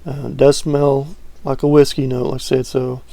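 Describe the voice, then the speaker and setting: A man talking casually to camera as a fragrance reviewer, relaxed and rambling with many fillers. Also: mid-range voice, moderate pace, vocal fry, no room sound.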